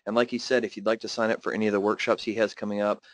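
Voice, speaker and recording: A man's voice: fairly low pitch, little pitch movement, very fast, dry recording. A man hosting a webinar, reading out links and closing announcements in a friendly way. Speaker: webinar host.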